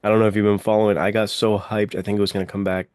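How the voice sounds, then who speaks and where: Very fast and fairly low-pitched, this podcast host's darkish voice comes across with a flat delivery, yet he chats about films casually and enthusiastically. His speech is highly informal and slangy, dotted with "like" and "dude," in studio-quality audio with no room sound.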